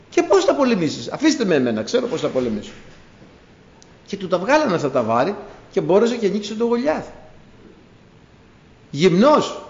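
A man preaching a sermon to his congregation, telling biblical stories with animated storytelling and acted-out dialogue. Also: sits high. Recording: echoey room, dull lo-fi sound.

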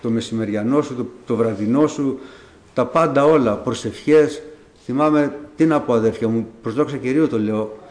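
In an echoey room, a middle-aged man shares his faith testimony with the congregation as a conversational story, voicing the dialogue he recalls. He speaks in a mid-range voice with a darkish tone.

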